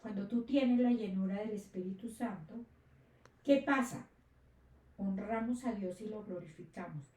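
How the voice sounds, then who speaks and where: A woman's voice: mid-range voice, measured pace, dark tone. A woman preaching a sermon, often asking her listeners rhetorical questions and checking they follow. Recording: echoey room, distant mic.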